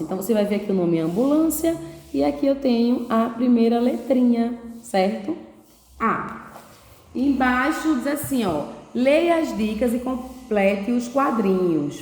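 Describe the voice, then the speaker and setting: A woman primary school teacher explaining a lesson to young children, patiently sounding out syllables slowly and checking in often. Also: fairly high pitch, darkish tone. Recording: echoey room, long reverb.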